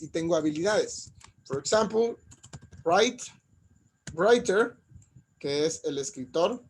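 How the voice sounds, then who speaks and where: Man, English teacher, husky voice, bilingual lesson, slows down to model words. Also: sits high, darkish tone. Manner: switches between English and Spanish, repeating each phrase.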